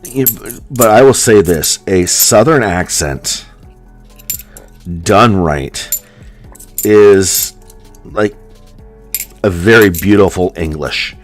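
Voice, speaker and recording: Speaking slowly with long pauses, a low-pitched man from the United States hosts a casual coin hunting stream for a live audience. His General American delivery rambles and leans heavily on ums and likes, over soft background music.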